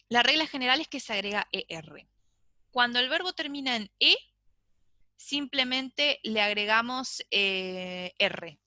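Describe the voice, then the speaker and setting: A woman's voice: medium pitch, bright, forceful tone, no room sound. A woman teaching an English grammar class, explaining patiently and checking in with frequent "¿sí?". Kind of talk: online class lecture.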